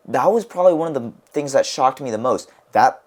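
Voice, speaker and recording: A young American man with a medium-pitched, expressive voice talks briskly while co-hosting a casual podcast. He's also a wrestler, and his stories ramble, packed with "like" and frequent restarts.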